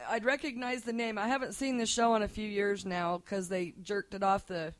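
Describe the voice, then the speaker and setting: A woman's voice: mid-range voice, fairly even intonation, moderate pace. A woman co-hosting a casual interview, asking questions in an easygoing way with hesitant fillers. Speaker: podcast co-host.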